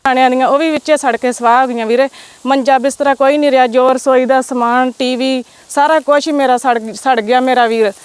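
Distressed Punjabi village woman, high voice. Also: steady tone, fairly quick, clean tone, no echo. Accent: Punjabi, Majha region. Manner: distressed, repeats herself, addresses interviewer as brother. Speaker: fire victim interviewed. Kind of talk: emotional testimony. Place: outdoors in a village.

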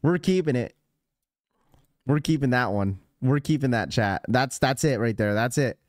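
A young man hosts a casual sneaker livestream from a small room lit in blue, speaking close into a studio mic on a boom arm. His medium-pitched voice is expressive at a normal speed on a dry recording. He jokes loosely, laughs often, and mimics voices.

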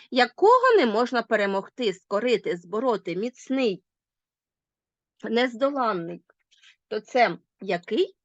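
A woman's voice: fairly high pitch, no room sound, lo-fi sound. A woman with a Ukrainian accent teaching a recorded school lesson, asking her pupils questions as she goes. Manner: lively, addresses pupils directly with questions.

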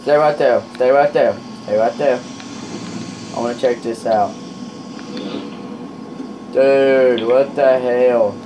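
Playing a trucking game alongside a friend, this man talks slowly and pauses often in a medium pitch. The banter is casual and rowdy, laced with heavy swearing and loud excited bursts, and there's background noise.

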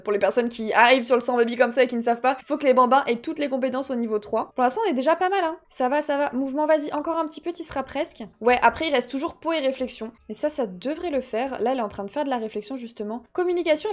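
High-voiced chatty woman commentating a game. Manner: chatty and expressive, talks to her game characters. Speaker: let's play host. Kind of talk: casual gameplay commentary.

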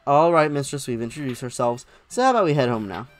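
A woman's voice: a bass voice, sing-song, fast talker, faint music behind. A woman doing a drawling, sardonic bodyguard guy. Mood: dismissive. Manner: drawling, dismissive. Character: laid-back sardonic male guardian.

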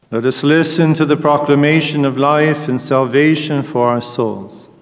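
A middle-aged man, a priest, reading scripture aloud in a slow, measured, solemn way at a lectern in a large church. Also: a little high. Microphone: lectern microphone. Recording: long church reverb.

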